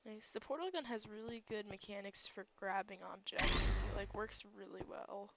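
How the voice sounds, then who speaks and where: A woman's voice: mid-range voice, normal speed, gravelly, very noisy. A woman giving casual gameplay commentary, groggy in her morning voice, rambling and thinking aloud with lots of fillers. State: groggy just-woke-up morning voice. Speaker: server owner and gameplay commentator.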